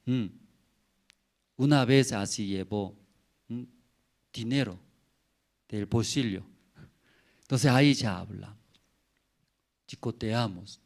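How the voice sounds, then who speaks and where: A man's voice: lowish voice, slow pace, gravelly, long pauses, a little mellow. A middle-aged man with a Korean accent preaching a sermon in simple, broken phrasing, checking in with frequent rhetorical questions and "mm?" tags. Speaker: pastor.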